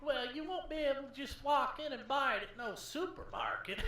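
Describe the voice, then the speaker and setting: High, cranky old prospector. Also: male voice, fairly quick, very echoey, distant mic, noisy background. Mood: cantankerous. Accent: American. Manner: folksy, crotchety, old-timer drawl. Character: cranky, cackling 136-year-old male prospector. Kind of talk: old prospector character voice in an adventure game.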